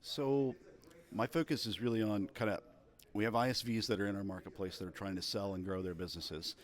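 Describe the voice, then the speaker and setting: A man being interviewed at a busy conference, explaining things in a measured way with business jargon. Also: lowish voice, fairly even intonation. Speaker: interview guest, product marketing director.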